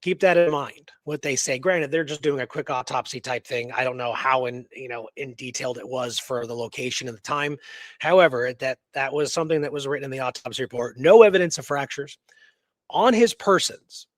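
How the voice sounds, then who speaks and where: Co-hosting a history talk show, a man with a medium-pitched voice tells a true story at a fairly quick pace, reading his notes aloud with emphasis. He sprinkles in casual, conversational asides in a radio-style narration. There is no echo on the recording.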